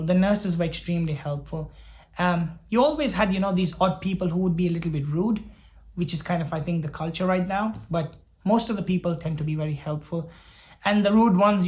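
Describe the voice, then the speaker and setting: A young Sri Lankan doctor vlogs his personal story in a high-pitched, darkish voice. He comes across as earnest and reflective, often repeating words as he thinks out loud.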